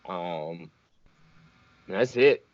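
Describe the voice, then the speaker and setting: A young bare-knuckle fighter from Virginia speaks extremely slowly in a low voice during a video call interview, caught on a dry recording. As a guest he stays relaxed and easygoing, laughing frequently, over muffled call audio.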